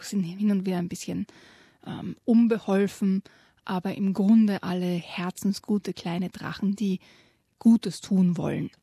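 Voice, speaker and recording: Husky, mellow-voiced woman co-host. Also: mid-range voice, no echo, clean studio sound. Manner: thoughtful, hesitant with fillers. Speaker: podcast co-host and reader. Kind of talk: casual podcast talk.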